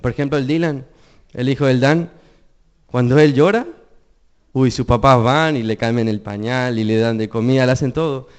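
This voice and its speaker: A man's voice: medium pitch, moderate pace, clean tone. A young man preaching a sermon, earnest, asking the congregation questions.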